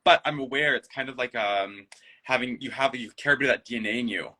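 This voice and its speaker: A man with a bright, ringing voice talks as a guest in a casual chat. He is reflective and playful, and now and then he slips into silly acted-out voices. His pitch sits in the middle. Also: fast, husky. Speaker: guest and play designer. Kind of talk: casual conversation.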